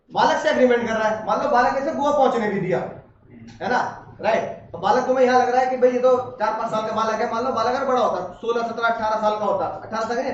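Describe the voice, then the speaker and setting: A man's voice: very high voice, dull audio, a little hiss or hum. A man lecturing a law class, playful and teasing, asking his students questions. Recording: distant echoey classroom recording.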